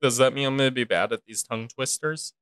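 A man's voice: mid-range voice, quick pace, a bit bright, clear, resonant tone, no echo. A man in casual chat, teasing his partner and trying tongue twisters. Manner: playful, teasing.

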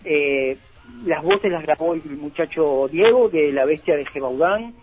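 A man from a music label appears as a guest on a radio show, talking through bands in an unhurried, higher-pitched voice. His speech is full of fillers and restarts, and the recording has a dull, lo-fi radio sound.

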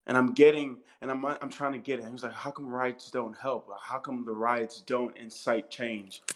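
An American man in his thirties co-hosts a podcast, speaking at a moderate pace in a medium-pitched, fairly even voice over a rough recording. The discussion is casual but impassioned, and he stresses his points hard, repeats himself and swears freely.

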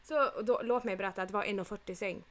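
A woman co-hosting a casual podcast chat, blunt and animated, swearing often. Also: mid-range voice. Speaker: podcast co-host.

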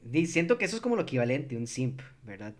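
A man's voice: medium pitch, sing-song, quick pace. A young man with a Costa Rican accent chatting casually with friends, slangy and loose, dropping English swear words into his talk. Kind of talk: casual group chat.

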